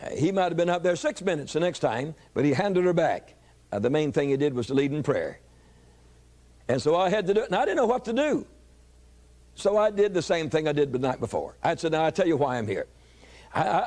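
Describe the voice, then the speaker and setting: A man's voice: fairly high pitch, sing-song, fairly quick, darkish tone. An older man preacher telling his life story in a sermon, folksy, with stammering restarts and chuckling asides.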